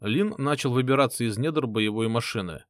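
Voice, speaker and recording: A man narrating a first-person fantasy audiobook in an expressive reading style. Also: medium pitch, normal speed, no room sound, clean studio sound.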